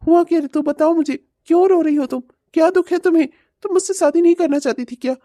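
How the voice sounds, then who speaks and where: A woman's voice: on the high side, moderate pace, dark tone, no echo, lightly acted. A woman voicing an eager, loving young man in a cartoon, talking earnestly and pleading. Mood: worried. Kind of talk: cartoon voice acting.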